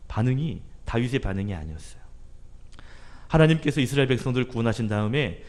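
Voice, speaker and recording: A man's voice: mid-range voice, animated, fast, a little mellow. Man preaching in a conversational way. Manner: conversational preaching, asks the congregation for agreement. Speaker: pastor. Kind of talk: sermon at a Friday prayer meeting.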